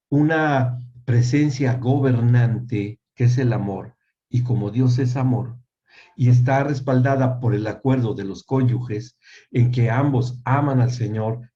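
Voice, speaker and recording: A man's voice: mid-range voice, dark tone. An older man giving a church teaching talk on family, repeating key words for emphasis and checking that listeners agree. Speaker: family ministry speaker. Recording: dull lo-fi sound.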